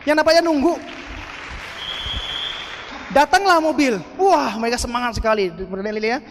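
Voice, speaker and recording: Motivational speaker, man, very high voice, long hall echo, animated and audience-directed. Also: normal speed, slight background noise. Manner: animated, addresses the audience as "Pak" and asks "betul nggak?". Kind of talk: motivational seminar talk.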